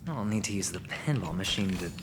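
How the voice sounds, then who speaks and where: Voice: deep voice, lively intonation, a little fast, noisy background. An actor voicing a cocky, playful male gambler in a video game. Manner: breezy, teasing.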